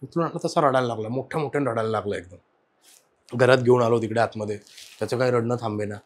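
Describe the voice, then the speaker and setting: A man telling a personal ghost story as a podcast guest, animated in a casual chat, his voice rising and falling as he goes. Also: medium pitch, fast talker. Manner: animated, swings loud and soft while telling the story.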